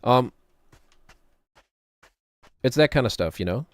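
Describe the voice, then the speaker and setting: A man's voice: mid-range voice, expressive, takes it slowly, no echo. A middle-aged man giving casual, rambling game commentary in a wry, musing manner, often talking to himself. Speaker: gaming streamer.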